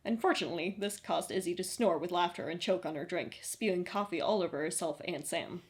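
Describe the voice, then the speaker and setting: A woman narrating a story in an even, audiobook-style read. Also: on the low side, fairly quick.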